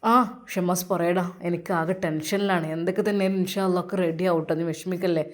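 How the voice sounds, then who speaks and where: A woman voicing a middle-aged man who calmly reassures a worried friend, her voice pitched far down. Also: fairly quick, natural voice. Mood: reassuring. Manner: steady, reassuring.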